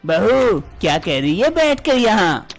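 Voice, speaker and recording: A woman's voice: medium pitch, very animated, measured pace. A woman voicing a bossy older mother-in-law in a cartoon story, scolding and dismissive in a brusque manner.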